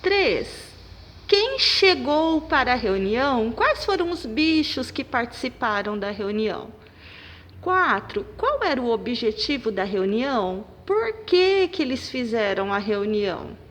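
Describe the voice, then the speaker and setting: A woman teaches young children in a slow, patient lesson. Her voice is fairly high and swoops up and down as she calls out words and stresses each strong syllable. The sound carries a long reverb, as if in a bare hall. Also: big pitch swings. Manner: slow, clapping out syllables and stressing them loudly. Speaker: primary school teacher. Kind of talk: recorded remote lesson for children. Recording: long reverb, room echo.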